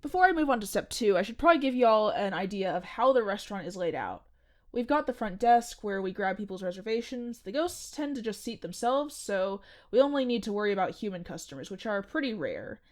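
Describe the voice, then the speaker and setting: Brisk and lightly acted, this medium-pitched voice with lively intonation belongs to a young woman performing a restaurant janitor for a funny audio drama. The character is a weird, happily nerdy coworker, teasing and matter-of-fact, all in a breezy mood.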